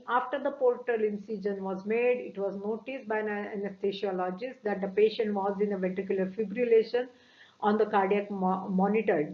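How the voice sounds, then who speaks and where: A woman teaching medical coding from slides, methodical, often pausing on "uh" and stressing key words. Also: mid-range voice. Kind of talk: lecture walking through slides. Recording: dull lo-fi audio.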